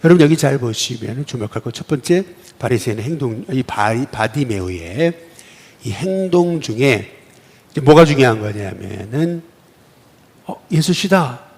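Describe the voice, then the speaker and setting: A man's voice: mid-range voice, animated, a little slow, darkish tone, husky. A male pastor preaching a sermon in a church sanctuary, often asking the congregation questions. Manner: asks the congregation questions and acts out quoted voices. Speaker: senior pastor. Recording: long reverb of a church hall.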